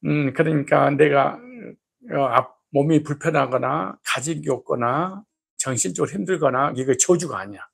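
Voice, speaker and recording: Gravelly, husky-voiced male pastor preaching. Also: a little high, moderate pace. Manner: folksy, scolding, jokey preaching with blunt asides. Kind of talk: sermon.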